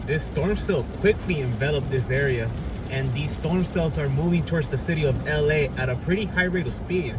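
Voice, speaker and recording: A man's voice: fairly high pitch, normal speed. A man narrating a casual storm-chasing vlog, reporting on what he sees around him as he goes. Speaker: storm chaser and vlogger. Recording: loud wind and road noise. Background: wind and vehicle noise.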